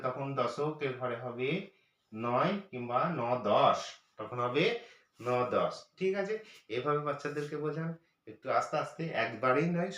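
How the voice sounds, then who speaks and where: A man teaching children's number names as a lesson, speaking patiently and repeating each number slowly. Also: a little high, a bit bright. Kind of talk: math lesson for parents and teachers. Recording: echoey room, voice from far off.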